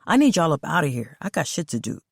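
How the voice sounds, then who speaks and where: A woman voicing a blunt, irritable young man who talks in fast street slang, in a storybook reading. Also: deep voice, big pitch swings, creaky, no room sound, clean studio sound, exaggerated voice. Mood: irritated.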